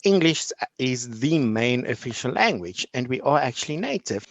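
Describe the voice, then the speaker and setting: A man's voice: medium pitch, moderate pace, creaky, dry recording. A man, an online English teacher, chatting as an interview guest and acting out classroom exchanges with lots of energy. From South Africa. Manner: energetic, animated storyteller acting out classroom dialogue. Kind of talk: casual interview chat.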